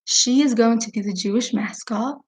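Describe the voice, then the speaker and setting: A woman voicing God as a calm male figure who patiently reassures and explains. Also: on the high side, moderate pace, lightly acted. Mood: reassuring.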